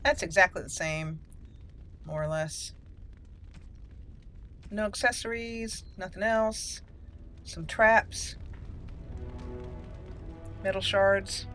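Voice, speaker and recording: A woman with a mid-range, fairly bright voice speaks slowly and pauses often while hosting a gaming let's play. She chats casually and thinks aloud as she plays, and game music runs in the background.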